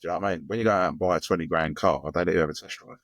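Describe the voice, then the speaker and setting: A man's voice: deep voice, fairly even intonation, rapid-fire, fairly bright tone, dry recording. A man with an Essex accent co-hosting a casual podcast, chatty and full of conversational tag questions. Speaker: podcast co-host. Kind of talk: casual chat.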